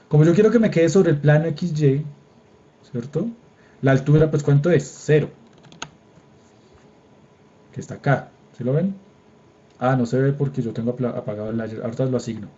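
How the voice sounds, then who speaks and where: A man's voice: on the high side, warm tone. Young colombian guy teaching an online class, patient, keeps checking on his students, slightly muffled video call audio. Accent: Colombian Spanish. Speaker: engineering drawing lecturer. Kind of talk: online class lecture with screen demo. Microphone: computer mic on a video call.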